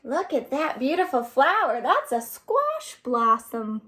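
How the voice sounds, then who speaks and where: At a children's storytime, the librarian host reads and sings along with exaggerated, sing-song flair. She takes it slowly, her high, sharp-toned voice swooping wildly in pitch.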